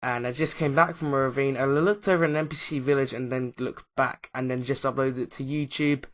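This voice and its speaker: A man's voice: mid-range voice, steady tone, a little fast, fairly bright tone. Man rambling through a gaming video. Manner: hesitant, lots of uh and um fillers; rambling, loses track mid-sentence. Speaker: YouTuber, Minecraft Let's Player. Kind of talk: casual commentary over gameplay.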